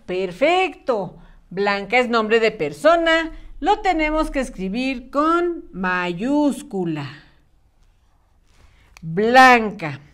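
Teaching little kids to spell, this woman works as a primary school teacher. Her pitch sits a bit high and moves up and down considerably. She is patient and encouraging, speaking clearly and without hurry.

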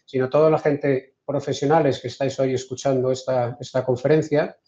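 A man from Spain with a Peninsular Spanish accent, giving an online lecture in a measured way, often restarting his sentences. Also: mid-range voice, steady tone, dark tone. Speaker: invited speaker. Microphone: video call. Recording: roomy, dull video call audio.

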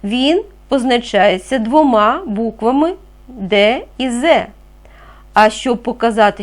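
Woman, primary school teacher, patient, asks children questions, fairly high voice, unhurried. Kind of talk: reading lesson for young children.

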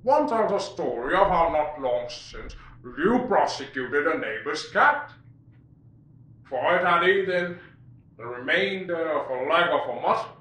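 A man in his twenties performing a classical comic stage monologue as a frank, mocking servant, theatrical and deliberate, with dramatic pauses. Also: on the high side, expressive, pushed and bright. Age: 20s. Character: frank, mocking male servant addressing his miserly master. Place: small bare room indoors. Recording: echoey room.

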